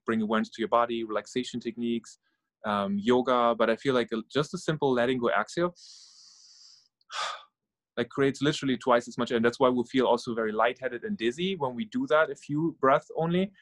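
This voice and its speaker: A middle-aged man from Norway and Germany, a guest on an interview, thinking aloud in a relaxed way with many fillers and soft sighs. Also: medium pitch, fairly quick, no echo. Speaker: guest, startup founder and meditation guide. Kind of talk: casual interview conversation.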